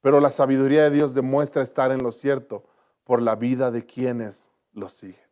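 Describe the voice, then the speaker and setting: A man's voice: mid-range voice, little pitch movement, normal speed, a little mellow. A man preaching a sermon as pastor in a church, earnest and repetitive, often restarting his phrases.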